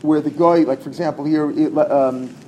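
A man giving an informal Talmud class, talking fast and animatedly, repeating himself and mixing in Hebrew terms. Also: a little high, fairly even intonation, lo-fi sound, slight background noise. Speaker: Talmud teacher.

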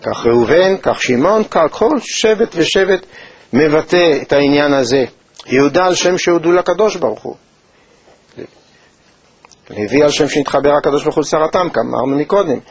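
A man teaching a Torah lesson in a measured, thoughtful way, with pauses and hesitations. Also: on the high side, expressive. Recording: dull, lo-fi recording.

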